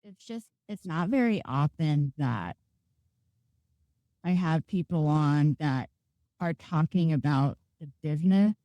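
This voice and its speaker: Mellow woman host, close dry sound. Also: deep voice, lively intonation, slow, no room sound, muffled recording. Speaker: podcast host. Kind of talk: casual interview chat.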